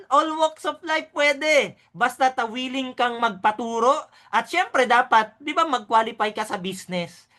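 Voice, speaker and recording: A woman's voice: fairly high pitch, fairly bright tone. A woman presenting a business orientation, upbeat and hyped, often asking her audience "di ba?". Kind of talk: sales presentation.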